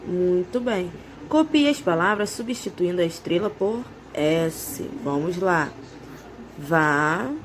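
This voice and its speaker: A Brazilian woman teaching preschoolers handwriting, reading words slowly and repeating each one for copying. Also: fairly low pitch, slight background noise. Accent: Brazilian Portuguese. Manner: slow, drawn-out dictation, words repeated for copying. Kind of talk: slow handwriting lesson for children.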